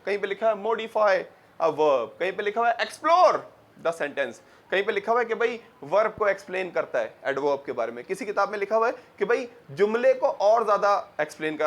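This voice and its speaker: A male teacher delivers a grammar lecture, mixing Urdu and English. His voice sits high for a man, and he drives points home with rhetorical questions. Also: fairly bright tone.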